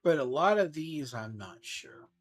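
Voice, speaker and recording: A man's voice: a little high, sing-song, a little slow. A man giving casual game commentary, rambling and thinking aloud as he speculates. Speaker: gaming streamer. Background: game music.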